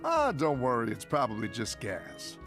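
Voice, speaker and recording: An actor playing a friendly, wry fantasy tavern bartender, with a hearty innkeeper manner and teasing delivery. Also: male voice, medium pitch, huge pitch swings, normal speed, music in the background. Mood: friendly advice. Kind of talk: in-character answers to questions.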